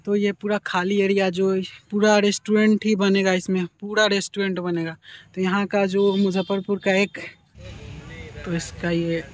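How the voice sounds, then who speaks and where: A man's voice: sits high, a little hiss or hum, rough recording. A young man from Bihar in his twenties, chatting enthusiastically as he gives viewers a walking tour outdoors, filming himself on a phone held at arm's length. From Bihar, India. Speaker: vlogger. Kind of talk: casual walking vlog. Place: outdoors in an open field at sunset.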